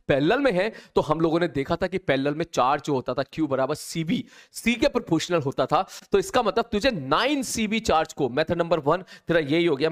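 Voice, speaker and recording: A man teaching physics, working through capacitor problems step by step and voicing the students' answers himself. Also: fairly high pitch. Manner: talks to students directly, mimics their replies. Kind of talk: explaining capacitor problems on a board.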